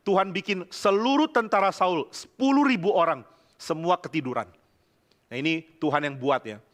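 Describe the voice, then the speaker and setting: A male pastor preaching a sermon, telling scripture stories with lively acted-out dialogue and humorous asides. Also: a little high. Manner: lively storytelling, acting out biblical voices, humorous asides.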